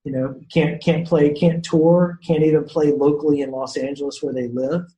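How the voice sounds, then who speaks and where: Recorded with a roomy echo and cut-off highs, this podcast guest from the Shreveport area of Louisiana spins casual stories at a normal pace. His voice sits on the high side, and his animated telling is packed with fillers and restarts.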